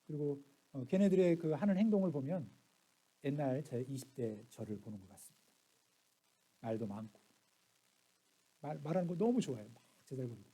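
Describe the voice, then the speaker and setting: A middle-aged man preaching a sermon as pastor, telling family stories and acting out quoted lines, swinging from soft asides to loud exclaims. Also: a little high, expressive, brisk, pauses often, husky.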